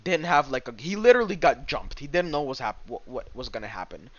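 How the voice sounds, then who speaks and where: A young man hosting a podcast, ranting loudly and crudely, breaking into squealing acted outbursts. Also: mid-range voice, big pitch swings, a little fast, muffled recording. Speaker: podcast host. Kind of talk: casual podcast chat.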